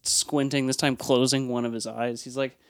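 A man's voice: mid-range voice, level tone, normal speed, clear, resonant tone, dry recording. A man narrating a tabletop game as game master in a casual, improvised way.

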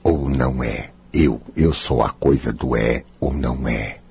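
A man's voice: measured pace, darkish tone, slightly rough. A man giving a guided self-help talk, dramatic, playing out inner voices. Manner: dramatic, acts out inner voices, swings high and low.

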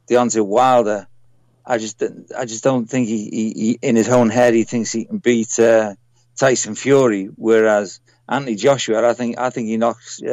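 A man with a British accent chatting casually as an interview guest over an internet call, halting and repeating himself. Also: mid-range voice, a little mellow, no echo. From United Kingdom. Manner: halting, repeats words and phrases. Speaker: boxing trainer, interview guest. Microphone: Skype call. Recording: internet call on a radio show.

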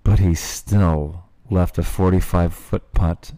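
A man's voice: low voice, steady tone, slow pace, dark tone, no echo, rough recording. A man co-hosting a casual chat, a teasing, chatty storyteller. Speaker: podcast co-host and golf dad.

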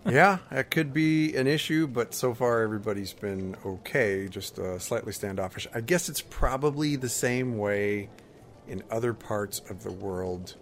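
A man's voice: lowish voice, unhurried. A man co-hosting a podcast, chatting casually and explaining things in a conversational way. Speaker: podcast co-host. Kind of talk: casual chat, recounting gaming. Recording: faint background ambient noise.

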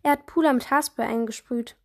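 A woman reading aloud, voicing a doubtful, sharp-tongued young girl from a storybook. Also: on the high side, a little fast. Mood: skeptical. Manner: dry and doubtful.

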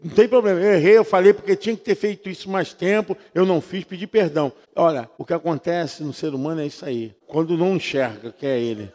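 A man's voice: on the high side, fast talker, hardly any pauses, a little mellow. A male pastor giving an informal church teaching to his congregation in a chatty way, now and then mimicking sounds with repeated syllables. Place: church sanctuary. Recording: reverberant church hall.

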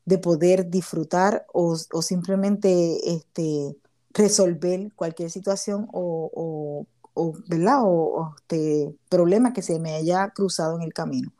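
A woman's voice: on the low side, steady tone, takes it slowly, mellow. A woman hosting a casual talk about gratitude and faith, speaking earnestly with many restarts.

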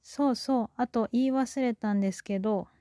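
Chatty Kansai woman, mellow voice. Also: on the high side, moderate pace, no echo, studio quality. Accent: Kansai Japanese. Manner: chatty, rambling, many fillers. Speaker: podcast host. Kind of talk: casual storytelling monologue.

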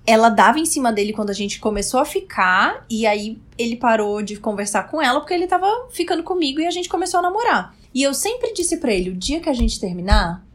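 A woman with a Brazilian Portuguese accent talks in a relaxed conversational style. She tells anecdotes expressively and acts out the other people in them. Her voice sits a little above average pitch. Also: fast, few pauses. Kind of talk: casual chat.

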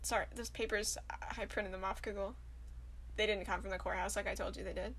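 A young woman co-hosting a podcast, chatting casually from a small closet with teasing, deadpan jokes and frequent giggles. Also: mid-range voice, brisk, slightly rough. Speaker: podcast co-host.

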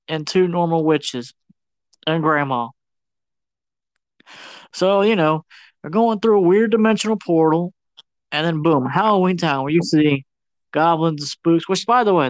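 A man with a somewhat high voice gives a slangy, animated movie recap on a podcast. The recording is dry and close, with no room sound. He acts out the characters as he goes. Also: no echo. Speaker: podcast co-host.

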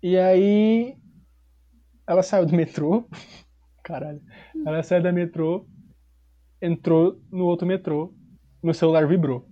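A man with a São Paulo accent telling a personal story in casual chat, slangy and animated, acting out quoted dialogue. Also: high-pitched, measured pace, pauses often. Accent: São Paulo Portuguese. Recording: dull lo-fi recording.

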